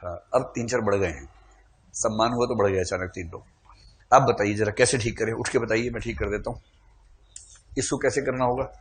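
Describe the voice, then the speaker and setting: Guy teaching a classroom full of students, keeps throwing questions at them, lively. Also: on the low side, brisk, long pauses. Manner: animated, quizzing the class with questions. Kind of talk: classroom lecture.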